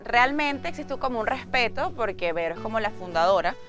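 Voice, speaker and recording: A woman's voice: on the high side, animated, a little fast, fairly bright tone, soft background music. A woman in a women's biker group, chatting casually in an interview with lots of fillers. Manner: chatty, many fillers like "o sea".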